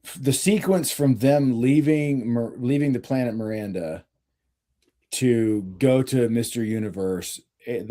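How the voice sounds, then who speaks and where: A man in casual podcast chat who talks slowly and rambles, filling his sentences with "like" and "dude." His voice sits at a middle pitch. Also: mellow. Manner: slow, rambling, lots of "like" and "dude". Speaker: podcast co-host.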